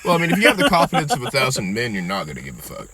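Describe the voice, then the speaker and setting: A man's voice: medium pitch, huge pitch swings, racing, a loud crowd. Profane, joking man in his twenties. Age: 20s. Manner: profane, joking, trails off softly. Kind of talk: casual chat.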